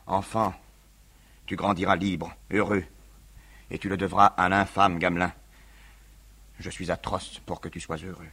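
Brooding male zealot, deep and solemn, 1950s radio reading, done by a man. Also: little pitch movement, a little slow, long pauses, pushed and bright, husky, full character voice. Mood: grave, somber. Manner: grave, solemn declamation. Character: brooding young male revolutionary juror, fanatical.

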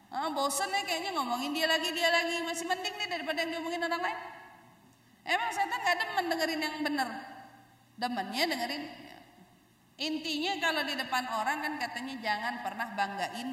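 A woman's voice: sits high, pushed and bright, roomy sound, long reverb tail, far from the mic. A woman religious teacher giving a chatty sermon, acting out the people she quotes. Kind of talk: casual sermon.

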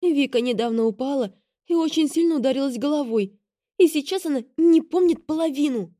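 A woman's voice: sits high, brisk, dark tone, no echo, voice pushed up, natural voice. A woman voicing an anxious adult sister who speaks nervously and pleadingly, close to a whisper. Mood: worried, pleading.

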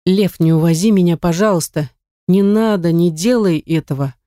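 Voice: mid-range voice, normal speed, mellow, no room sound, clean studio sound, close to an everyday voice. A reader voicing a frightened young wife in an audiobook, pleading and defiant by turns. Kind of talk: audiobook reading.

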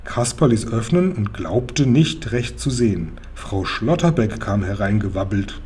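A man narrating a children's storybook aloud in a lively, expressive way. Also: on the low side, a little slow, slight background noise. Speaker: audiobook narrator.

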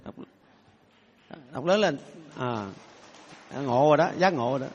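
A man's voice: medium pitch, lively intonation, measured pace, a little mellow, breathy edge, highs cut off. A Buddhist monk giving a playful, humorous dharma talk, leading his audience in call-and-response chanting. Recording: long hall reverb.

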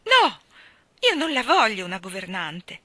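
A woman's voice: fairly high pitch, expressive, normal speed, pushed and bright, dry recording, exaggerated voice. A woman voicing a young, sheltered, curious girl who asks eager questions in a storybook reading. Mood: insistent.

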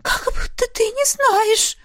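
Narrator puts on a high-voiced, tearful young noble lady in an audiobook; dramatic, clingy, prone to shrill outbursts. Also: expressive, measured pace, no echo, clean studio sound. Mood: indignant. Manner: breathy pleading, shrill outbursts.

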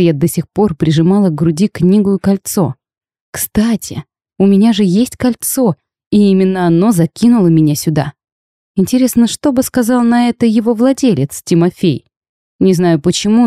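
A woman narrating a fantasy audiobook in first person, with wry, expressive storytelling. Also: lowish voice, dry recording, studio quality.

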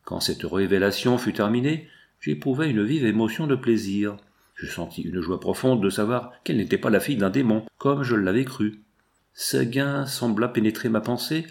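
A man reading a literary audiobook in a measured, expressive way. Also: on the low side, creaky. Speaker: audiobook narrator.

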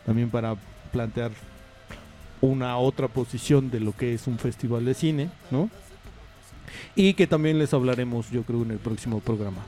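Hosting a laid-back community radio show, a Mexican man speaks at a normal speed in a mellow, mid-range voice. His talk wanders, packed with fillers and side comments, while faint music plays in the studio.

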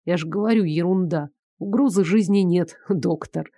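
A woman voicing a hushed, tired, smug man. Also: on the low side, normal speed, no echo, studio quality. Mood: weary. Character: tired, teasing grown man, quiet and smug. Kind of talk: audiobook character voice.

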